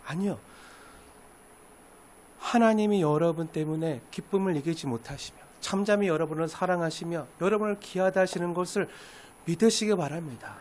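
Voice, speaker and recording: A pastor preaching a sermon, emphatic and asking the congregation many rhetorical questions. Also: male voice, fairly high pitch, normal speed, a little mellow, slight background noise.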